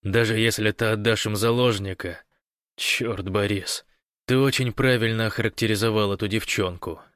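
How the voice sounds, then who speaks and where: Scheming guy acting meek, read by a man, soft and wheedling, lowish voice. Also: fairly even intonation, moderate pace, no echo, clean studio sound, lightly acted. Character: sly, scheming man, feigning meekness. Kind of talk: audiobook character voice.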